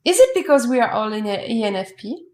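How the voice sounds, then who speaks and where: A woman's voice: on the high side, very animated, fast, a little mellow. Eager French woman hosting a chat. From France. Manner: eager, questioning, laughs often. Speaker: podcast host. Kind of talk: casual chat.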